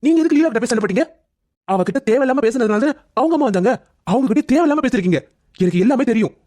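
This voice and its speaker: A woman's voice: on the high side, lively intonation, warm tone, dry recording, studio quality. A woman voicing an angry young son who confronts his mother in a cartoon family drama. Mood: frustrated. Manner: demanding, rapid questioning.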